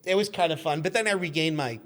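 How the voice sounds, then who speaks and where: A car magazine editor in his fifties, appearing as a guest, tells rambling, animated anecdotes in casual chat, acting out the conversations he quotes. His voice sits on the high side, fast and fairly bright.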